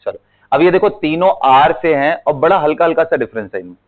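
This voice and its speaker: A man teaching a chemistry lesson, slowly drilling element names and repeating them so students can follow, mixing in English terms. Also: on the high side, animated. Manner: mixes Hindi with English terms, calls students beta. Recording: tinny phone-like audio.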